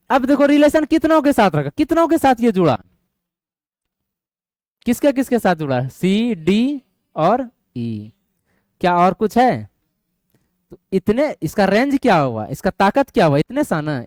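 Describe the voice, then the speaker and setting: A male math teacher with a high, darkish voice lectures a classroom, often quizzing the students and repeatedly asking "getting my point?" to see if they follow. The recording is dry, with clean studio sound.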